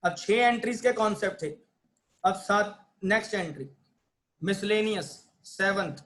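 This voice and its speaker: A man's voice: sits high, a little slow, fairly bright tone. A man teaching accounting in a playful lecture, acting out joy and dismay and quizzing his students. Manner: asks students questions and answers them himself. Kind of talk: classroom lecture.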